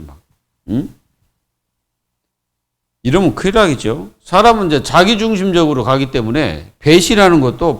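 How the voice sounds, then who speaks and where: Male pastor, fairly high and very animated pitch, conversational sermon delivery, lots of fillers. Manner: colloquial preaching with many fillers and repetitions. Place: church.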